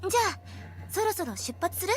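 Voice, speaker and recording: Teasing little game girl, squeaky high, bouncy. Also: very animated, a little fast. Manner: playful and teasing.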